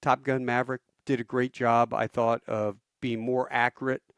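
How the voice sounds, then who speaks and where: An older man from the United States recounts his path to flying in an animated, storytelling manner. His voice sits in a middle pitch. The sound is dry and close. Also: moderate pace, clear, resonant tone, no room sound. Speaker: guest, airline pilot. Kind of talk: storytelling interview.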